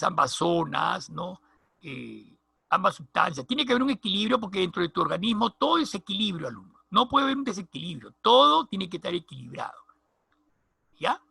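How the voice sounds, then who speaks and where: Gravelly, bright-voiced male biology teacher. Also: high voice, no room sound. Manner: repeats key terms, checks in with "¿ya?" and "¿no?". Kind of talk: recorded lecture.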